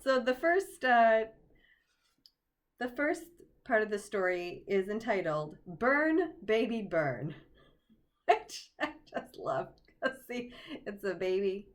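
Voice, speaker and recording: A woman's voice: mid-range voice, sing-song, slow pace. A woman reading aloud and guiding a meditation in a casual way, joking between passages and laughing at her own asides. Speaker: oracle card reader and storyteller.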